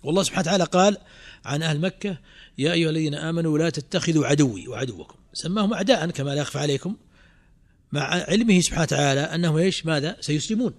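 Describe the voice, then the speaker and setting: A middle-aged sheikh with a high-leaning voice talks very fast with lively intonation. Teaching a creed commentary in class, he quizzes students using rhetorical questions and fillers.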